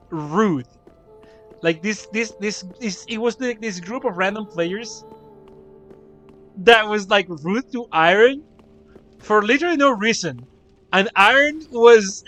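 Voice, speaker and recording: His voice sits high and has a sharp tone. While playing a game on stream, the young man laughs, swears a lot, and rambles through casual stories.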